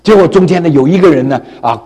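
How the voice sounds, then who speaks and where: A male pastor preaching a sermon in an animated storytelling manner. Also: fairly high pitch, fast, long reverb tail. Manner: storytelling, animated, frequent tag particles.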